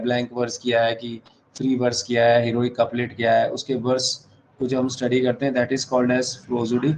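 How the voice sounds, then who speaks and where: A man teaching an exam-prep class in Hindi and English. He dictates key terms slowly, repeats them and keeps checking that the class understands. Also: mid-range voice, dark tone, a little hiss or hum, rough recording. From India. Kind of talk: online exam-prep lecture.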